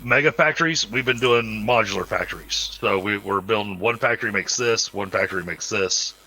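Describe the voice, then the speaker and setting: This streamer, a Southern American man from the Southern United States, hosts a multiplayer game and chats casually as he plays, rambling through lengthy, easygoing explanations packed with fillers. His voice is on the low side, fairly quick, bright and forceful. The audio quality is poor.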